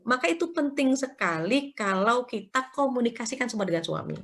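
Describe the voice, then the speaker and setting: A woman's voice: fairly high pitch, lively intonation, fairly quick, fairly bright tone. A woman teaching an Islamic study session in a chatty storytelling way, often acting out short quotes and adding tag fillers. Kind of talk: conversational religious study talk.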